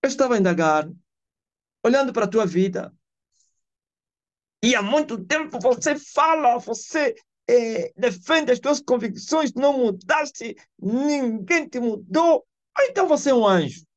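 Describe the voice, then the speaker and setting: A man's voice: extremely high pitch, animated, unhurried, pitched above the performer's own voice. A man voicing a dying old friend who wonders aloud in disbelief. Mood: incredulous. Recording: slightly muffled online call audio.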